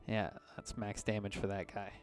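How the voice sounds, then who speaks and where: A man acting as game master, improvising narration of tabletop combat in a halting but descriptive way. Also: on the low side, little pitch movement, clean tone, soft background music.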